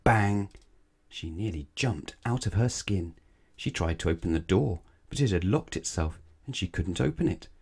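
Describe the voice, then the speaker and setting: A man with a deep, creaky voice and a breathy edge reads a children's bedtime story aloud at a moderate pace. His intonation is lively, and he narrates dramatically, stretching and stressing words.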